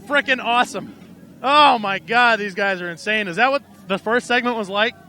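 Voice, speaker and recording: High, bright-voiced irreverent race announcer. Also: male voice, normal speed, slight background noise. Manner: irreverent, profane and excitable. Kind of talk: live race commentary. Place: outdoors at an amateur racetrack.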